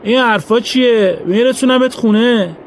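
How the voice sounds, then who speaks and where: A man voicing a mocking male neighbour who drives a car and talks in a slow, taunting way. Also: very high-pitched, a little hiss or hum, voice pushed up.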